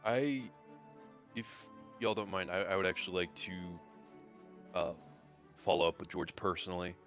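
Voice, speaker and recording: Very low male player, sharp timbre, hesitant, muddy lo-fi mic. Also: normal speed, faint music behind. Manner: hesitant, polite, many ums. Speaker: tabletop game player. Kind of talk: casual game-night talk. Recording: dull lo-fi mic.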